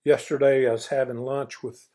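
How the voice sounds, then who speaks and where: A man's voice: medium pitch, level tone, normal speed, warm tone. An older man giving a folksy morning devotional, exhorting listeners like an old coach with stern emphasis. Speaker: devotional preacher.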